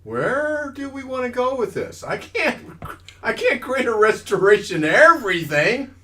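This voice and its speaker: A man's voice: extremely high pitch, big pitch swings, moderate pace, pushed and bright. A man playing in a tabletop game, asking direct questions and declaring his moves. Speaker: player. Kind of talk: casual tabletop game play.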